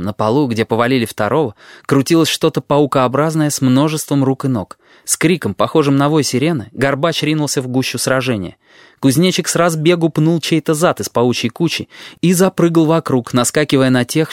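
A man narrating an audiobook with an expressive, lively reading in a medium-pitched voice. The sound is dry and close, with no room echo behind it. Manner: expressive reading, acts out dialogue.

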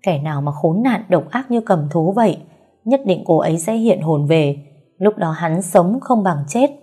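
A woman's voice: lowish voice, expressive, normal speed, warm tone, breathy edge, soft background music. A woman voicing a stern elderly mistress of a household in an audio story, speaking in a cold, grave, threatening manner.

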